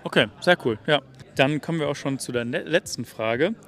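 A man interviewing colleagues outdoors at a summer party, asking questions in a relaxed way with many fillers. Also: fairly high pitch, normal speed. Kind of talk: casual interview.

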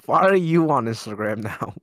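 A man's voice: a little high, animated, a little slow, fairly bright tone, no echo, studio quality. A young man hosting a casual podcast chat, rambling with lots of "like" and swearing freely. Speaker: podcast host.

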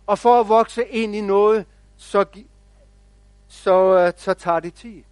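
A man pastor preaching a sermon, telling stories in a measured, reflective way with quiet pauses. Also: sits high, steady tone, clean tone, no room sound.

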